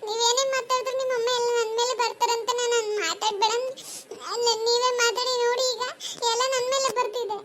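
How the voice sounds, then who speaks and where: A woman's voice: very high-pitched, steady tone, a little fast, fairly bright tone, a little hiss or hum. A woman doing a complaining young cartoon wife. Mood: aggrieved.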